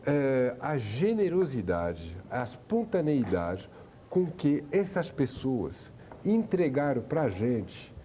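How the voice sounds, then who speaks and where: A man's voice: mid-range voice, big pitch swings, takes it slowly, dark tone, slight background noise. A man from France, a chef guest on a TV talk show, telling his story with enthusiasm. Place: TV studio.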